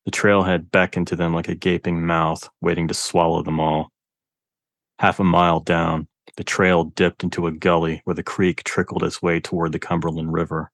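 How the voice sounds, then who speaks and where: A man reading a novel aloud as narrator, close to the mic, in a measured, restrained way. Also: sits low, little pitch movement, dry recording. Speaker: audiobook narrator. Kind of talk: scripted narration of dark fiction.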